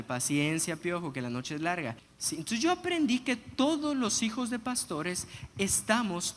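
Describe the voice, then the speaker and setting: A man preaching a sermon, telling personal stories in an animated, humorous way. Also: high-pitched. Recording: long hall reverb, faint background noise.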